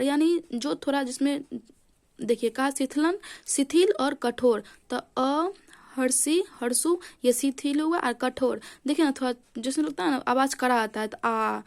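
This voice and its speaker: A woman's voice: high-pitched, darkish tone. A woman teaching a grammar lesson for exam preparation, explaining step by step and answering her own questions.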